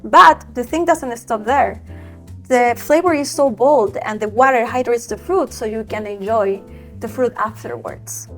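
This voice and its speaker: A woman from Ecuador, talking as an entrepreneur guest in an enthusiastic, animated way. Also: a little high, soft background music. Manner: enthusiastic, animated, quick bursts with restarts. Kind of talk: podcast interview.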